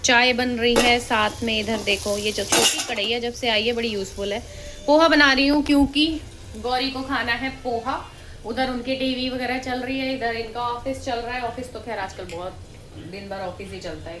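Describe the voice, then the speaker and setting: Woman, 30s, slightly high voice, chatty home vlogger addressing viewers, faint background noise. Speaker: family vlogger and mother. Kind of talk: casual vlog chat to viewers. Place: home kitchen.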